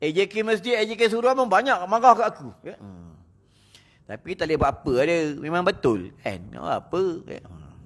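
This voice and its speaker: A man's voice: high-pitched, expressive, a little fast, fairly bright tone. A man with a Malaysian Malay accent preaching a mosque lecture, blunt and teasing, scolding his listeners and checking in with them constantly. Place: mosque prayer hall.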